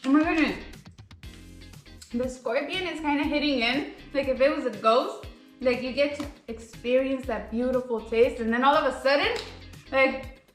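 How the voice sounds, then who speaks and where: A woman's voice: high-pitched, moderate pace, soft background music. A woman reviewing snacks in a casual vlog, gushing and bubbly, saying "like" and "guys" constantly and dropping in Spanish phrases. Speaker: food reviewer. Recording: echoey room.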